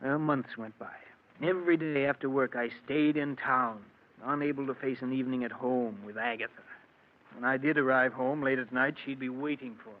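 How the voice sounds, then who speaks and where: Through the muffle and noise of an old radio recording, an actor voices a lovelorn, bitter husband in an unhappy marriage who confesses his past, in first-person narration and dialogue. His delivery is earnest and dramatic yet wistful and confessional, in a natural, medium-pitched voice that is fairly quick with fairly even intonation.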